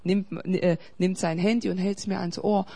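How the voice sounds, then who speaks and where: A woman pastor preaching a sermon, swinging between loud, urgent exhortation and quiet, confiding storytelling. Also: fairly low pitch, little pitch movement, normal speed.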